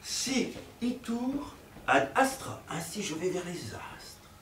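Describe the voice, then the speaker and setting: Stage farce: male actor as a giddy, lecherous professor, high and lively, roomy distant sound. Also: takes it slowly, slight background noise, full character voice. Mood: comic. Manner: theatrical, excitable, chuckling asides to the audience. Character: bumbling middle-aged male provincial professor, lecherous and fussy. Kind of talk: live stage comedy performance. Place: theater stage.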